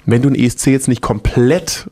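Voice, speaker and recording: A man's voice: mid-range voice, fast, background noise. A young man, a singer, chatting casually and enthusiastically as a radio guest, with slangy, grateful talk. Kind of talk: casual interview chat.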